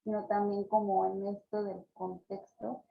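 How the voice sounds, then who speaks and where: A woman's voice: mid-range voice, little pitch movement, a little slow, gravelly, phone-quality sound. A woman helping lead an online sign language class, earnestly urging students to practise their movements. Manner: earnest, stresses practice instructions.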